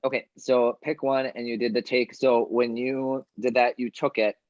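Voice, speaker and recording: A man narrating as game master of a tabletop role-playing game, halting and full of fillers, with bouts of coughing. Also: mid-range voice, flat delivery, no echo, lo-fi sound. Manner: halting, many fillers and restarts. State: coughing fits.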